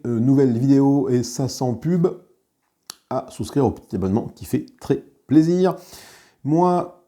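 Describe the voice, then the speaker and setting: A man talks through a solo board game session in a relaxed, chatty way, often trailing off into hesitations and joking at his own expense. His voice is mellow and dark, sitting at an ordinary middle pitch. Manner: chatty and self-mocking, with many hesitations. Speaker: board game video host. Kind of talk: casual solo playthrough commentary.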